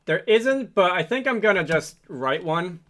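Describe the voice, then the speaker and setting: Against a backdrop of keyboard typing and mouse clicks, a man who is a game developer and programming video host talks through an unscripted coding tutorial. He rambles, hesitates and self-corrects while thinking aloud. His voice is high-pitched, animated, unhurried and fairly bright.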